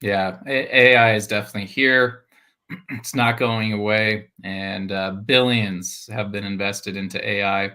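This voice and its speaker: Male co-host, low-pitched and bright, casual teasing delivery. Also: steady tone, measured pace, clean tone. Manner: chatty, teasing, laughs easily. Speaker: podcast co-host. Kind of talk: casual live show chat.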